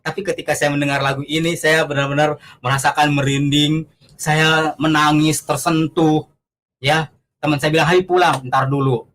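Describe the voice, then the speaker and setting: A man's voice: on the high side, monotone, normal speed, a bit bright. Earnest man telling a personal testimony. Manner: earnest storytelling, acts out quoted voices, frequent fillers. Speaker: guest giving a testimony. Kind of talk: conversational testimony.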